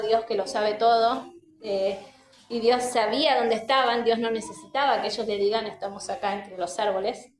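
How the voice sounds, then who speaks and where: High-voiced Argentine woman preaching in an echoey hall. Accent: Argentine Spanish. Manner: earnest, often checks in with the listeners. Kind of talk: sermon. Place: church hall.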